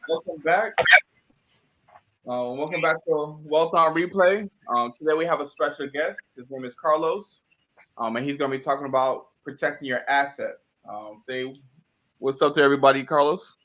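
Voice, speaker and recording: A man's voice: fairly high pitch, moderate pace, a bit bright, dull audio. A man hosting a casual interview show, easygoing and filling his questions with "um". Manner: easygoing, many "um" fillers. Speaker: host.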